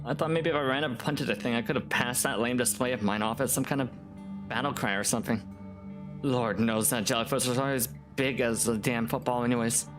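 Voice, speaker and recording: A man's voice: mid-range voice, lightly acted. A man voicing a tough young woman in a game who wryly recounts an embarrassing memory.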